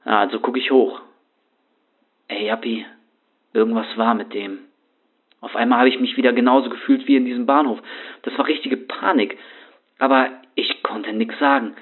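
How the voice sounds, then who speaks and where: A man's voice: medium pitch, fairly even intonation, moderate pace, long pauses, breathy edge, close to an everyday voice. A man playing a rattled young homeless man who rambles anxiously in street slang, as a first-person horror story monologue. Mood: shaken. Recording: tinny phone-like sound.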